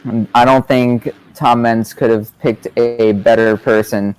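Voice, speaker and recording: Perform as a relaxed, mid-voiced male co-commentator. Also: mid-range voice, a little slow, faint music behind. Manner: relaxed, easygoing, says "you know" often. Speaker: co-commentator and judge. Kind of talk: casual color commentary.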